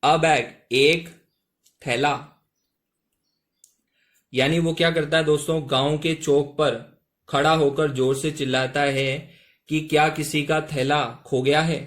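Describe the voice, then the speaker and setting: Hindi-speaking man teaching English slowly. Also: fairly high pitch, level tone. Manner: repeats "ठीक है दोस्तों", reads English lines very slowly. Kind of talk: Hindi-medium English reading lesson.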